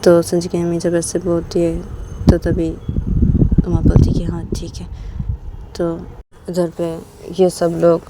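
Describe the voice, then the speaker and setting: A woman's voice: fairly low pitch, completely flat delivery, measured pace, very noisy. A woman narrating a romance story in a loose, repetitive storytelling manner.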